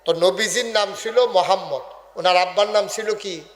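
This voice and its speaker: A high-voiced male preacher gives a humorous sermon at a large religious gathering. He quizzes and teases the crowd in call-and-response, shouting some words and singing others. His voice rings out through a loudspeaker with a long, trailing reverb. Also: normal speed. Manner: shouts key words, sings some phrases. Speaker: Islamic preacher.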